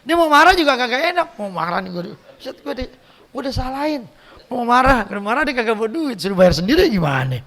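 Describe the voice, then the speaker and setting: A man's voice: extremely high pitch, very animated, fast, a bit bright. A man with a Jakarta Betawi accent teaching a mosque study circle in a casual, joking way, reading Arabic text and then explaining it in slangy everyday speech. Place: mosque hall.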